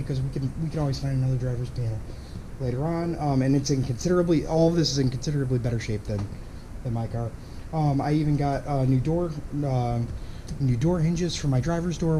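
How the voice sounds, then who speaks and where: Hoarse, mellow man vlogging. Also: mid-range voice. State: hoarse, losing his voice. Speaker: car project vlogger. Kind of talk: casual vlog talk to camera. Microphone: camera-mounted microphone. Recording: noisy ambient camera microphone recording.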